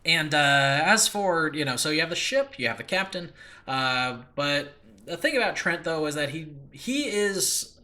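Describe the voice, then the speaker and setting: Rambling through a solo, informal talk about his own fictional world, this audio drama creator and podcast host keeps cutting in with asides. His a-little-high voice is expressive, pushed and bright at a measured pace. It's a makeshift home recording.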